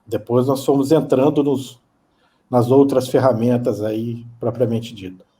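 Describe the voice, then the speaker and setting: A man's voice: mid-range voice, steady tone, measured pace, dark tone. A man in his fifties with a Brazilian Portuguese accent, answering interview questions hesitantly and often repeating words. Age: 50s. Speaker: guest.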